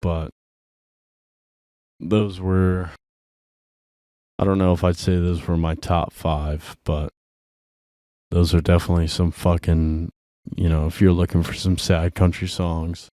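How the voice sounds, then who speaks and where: A man's voice: low voice, little pitch movement, takes it slowly, long pauses, dark tone, no echo, clean studio sound. A tired young man hosting his own music show, talking casually in a profane, rambling way. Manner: profane, laid-back rambling. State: tired and drinking. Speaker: host. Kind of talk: casual solo music commentary.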